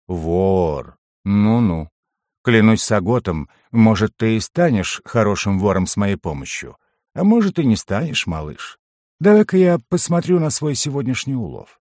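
A man voicing a calm, sly, seasoned male thief with a dry, knowing manner, in a dry audiobook read. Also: on the low side, a little slow, no echo. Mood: amused.

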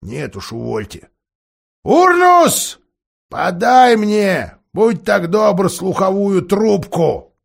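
A man's voice: high voice, sing-song, drawn-out words, vocal fry, voice pushed up, exaggerated voice. A man voicing a grumpy, half-deaf old male dwarf lord who grumbles and mishears words.

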